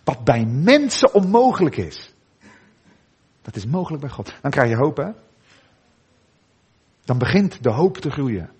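A middle-aged man preaching a sermon in a church, earnest, with dramatic pauses and endings that drop soft. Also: medium pitch, sing-song, breathy edge.

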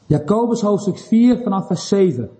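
A man's voice: high voice, lively intonation, moderate pace, warm tone. A man preaching a sermon with earnest, building intensity and many rhetorical questions. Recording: roomy hall with long reverb.

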